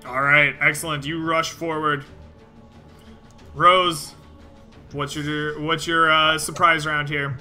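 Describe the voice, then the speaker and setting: A man's voice: on the high side, little pitch movement, takes it slowly, long pauses, sharp tone, faint music behind. A man working as game master, casually narrating the action, giving rulings and encouraging the players. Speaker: game master of a tabletop RPG.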